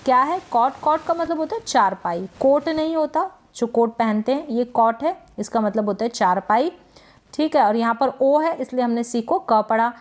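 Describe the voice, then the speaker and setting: A woman teaching English pronunciation as a lesson, explaining rules and asking and answering her own questions. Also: on the high side. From India. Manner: slow, careful spelling-out of sounds.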